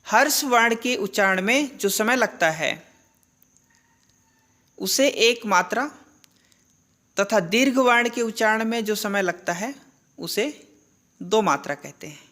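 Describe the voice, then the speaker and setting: A woman's voice: fairly high pitch, slow pace, long pauses, a bit bright. A woman teaching a grammar lesson, who asks questions and answers them herself and repeats the key terms. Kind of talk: classroom-style lesson.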